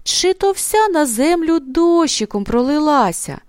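A woman reads a children's story aloud at an unhurried pace. Her fairly high voice rises and falls freely, and she often sinks into soft, hushed passages. The recording is dry and close. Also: sing-song, dry recording.

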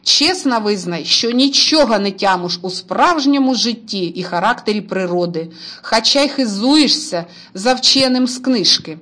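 A woman's voice: fairly high pitch, lively intonation, moderate pace, a bit bright. A vast, stubborn talking forest that scolds and mocks, in a storybook voice that rises and falls a lot, as a woman puts it on. It presses and demands without giving way. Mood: scolding. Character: huge stern forest, mocking and demanding. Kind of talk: storybook reading.

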